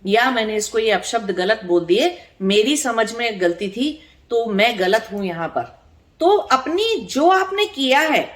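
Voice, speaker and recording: A woman's voice: on the high side, expressive, a little slow. A woman spiritual teacher giving an earnest spiritual discourse, explaining her points with rhetorical questions and repeated words for emphasis. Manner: explanatory, asks rhetorical questions and checks in with the listener.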